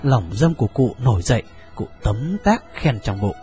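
Một người đàn ông kể truyện đọc, giọng chừng mực. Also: male voice, mid-range voice, expressive, normal speed, dark tone, soft background music. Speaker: narrator. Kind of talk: audiobook narration.

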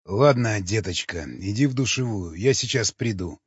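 A man's voice: fairly low pitch, normal speed, husky, no room sound. A man doing a sardonic cynical cannibal. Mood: mocking. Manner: sardonic, teasing, calmly questioning. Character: mocking cynical man, a cannibal, coolly interrogating. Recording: dull lo-fi recording.

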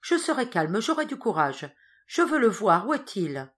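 A woman's voice: mid-range voice, very animated, moderate pace, a bit bright, pitched above the performer's own voice. A woman reading the part of an anxious, devout young wife, speaking emotionally in an audiobook. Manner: emotional and pleading.

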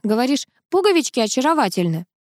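Whimpering touchy lady guest, read by a woman, high and whiny, dry sound. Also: very animated, fast, dry recording. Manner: whiny, sniffling, pleading. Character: tearful touchy woman guest, doll maker.

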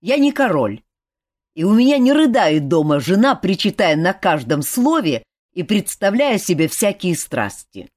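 Woman reading a gruff, scornful warrior hero. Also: on the low side, sing-song, measured pace, darkish tone. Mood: angry, scornful. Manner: growling, scolding, contemptuous.

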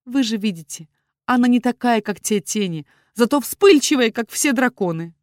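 A woman's voice: a little high, lively intonation, normal speed, no room sound, voice pushed up, natural voice. Woman doing a worried father, pleading, apologetic, storybook, dry. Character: anxious middle-aged father pleading for his daughter.

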